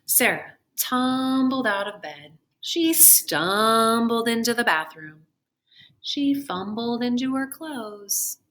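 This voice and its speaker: A woman teacher reading aloud and talking deliberately to young children. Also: on the high side, expressive, fairly bright tone. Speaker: elementary school teacher. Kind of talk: expressive read-aloud and talk to young pupils.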